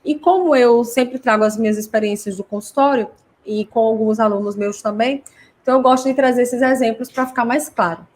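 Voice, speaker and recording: Brazilian lady giving a live class for parents, a bit high voice, chatty, keeps checking in with the listener. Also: a little fast. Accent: Brazilian Portuguese. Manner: conversational, explains with many examples, frequent tag questions. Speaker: host and parent educator.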